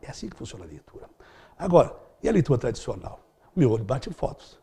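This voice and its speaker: A man's voice: medium pitch, sing-song, fast, vocal fry, warm tone, breathy edge. A middle-aged man answering interview questions as a speed-reading instructor, explaining in a didactic way with vivid everyday examples.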